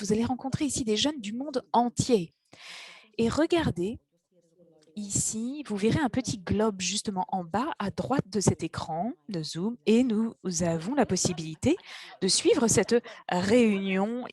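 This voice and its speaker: A woman interpreting live for an online event, her voice husky and a little breathy. She keeps up with the speakers in bursts, pausing on fillers and restarting phrases as she goes. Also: medium pitch, darkish tone. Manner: halting, with fillers and restarts while keeping up with speakers. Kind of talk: live interpretation of moderator and panel introductions.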